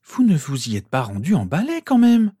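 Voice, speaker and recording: A man's voice: high-pitched, big pitch swings, brisk, mellow, husky, no echo, studio quality, pitched above the performer's own voice, full character voice. A man voicing a stern, worried mother who scolds her son sharply. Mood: scolding.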